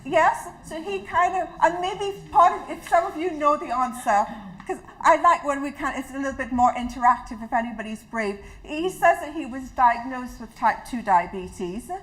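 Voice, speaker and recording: Speaking to an audience gathered in a community hall, a Trinidadian health educator keeps her health talk interactive, personal and chatty. Her pitch is high, her pace moderate with few pauses, and she warmly restarts phrases often. Audio is poor.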